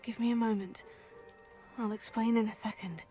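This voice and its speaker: A woman's voice: a little high, fairly even intonation, music in the background, lightly acted. An actress playing a curious young female witch student, in video game dialogue. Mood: surprised. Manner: inquisitive, quick to notice things.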